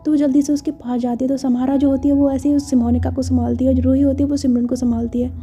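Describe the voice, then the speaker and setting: A woman's voice: sits high, flat delivery, fast talker, mellow, lo-fi sound. A woman storyteller retelling a love story in a chatty, casual way, explaining each gesture.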